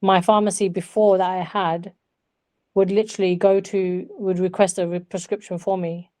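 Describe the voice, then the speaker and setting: Mellow-voiced woman, rambling. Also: fairly low pitch, level tone, moderate pace. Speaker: patient guest. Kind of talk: casual podcast discussion.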